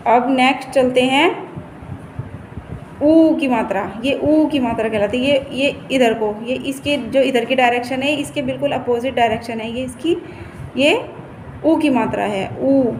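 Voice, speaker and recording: A woman's voice: high voice, a little slow, darkish tone. A woman teacher patiently explaining Hindi vowel signs, repeating and stretching each word. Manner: patient, repeats and stretches words, points at the board. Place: classroom. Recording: echoey room with faint noise.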